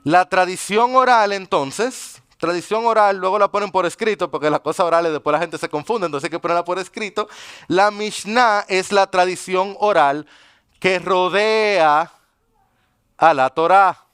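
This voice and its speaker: A man preaching in church, his voice pitched high and ringing clear. He teaches his congregation, pausing often to quiz them and check they follow. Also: a bit bright. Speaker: pastor. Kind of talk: sermon.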